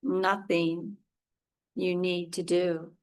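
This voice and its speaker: In a monotone, slightly low voice, a yoga teacher leads a guided relaxation at a very slow pace. She delivers short, soothing lines with pauses between them.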